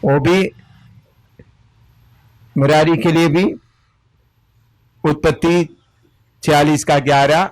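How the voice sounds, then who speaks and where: A man teaching a Bible study, slowly giving verse references, pausing as he writes and correcting himself. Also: fairly high pitch, fairly even intonation. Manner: deliberate, pauses while writing, self-correcting.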